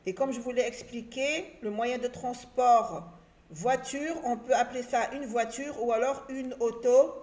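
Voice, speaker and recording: Slow, patient woman teaching reading. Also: a little high, a little mellow. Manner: slow, spelling words letter by letter. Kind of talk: early reading lesson.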